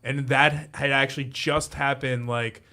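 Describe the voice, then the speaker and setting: A man co-hosting a casual group podcast, telling stories in an animated way. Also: mid-range voice, measured pace. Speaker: podcast co-host.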